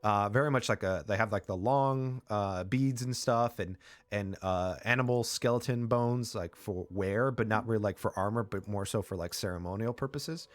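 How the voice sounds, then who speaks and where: A man's voice: fairly low pitch, moderate pace, no room sound. A man narrating as game master, rambling with lots of fillers.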